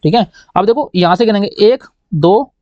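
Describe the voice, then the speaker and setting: A man's voice: high voice, expressive, normal speed, no echo. A man teaching an online maths lesson to children, coaxing them along and quizzing them on what number comes next. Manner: coaxing, keeps asking kids "what comes next, beta?". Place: indoor teaching setup writing with a pen. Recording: dry, dull lo-fi sound.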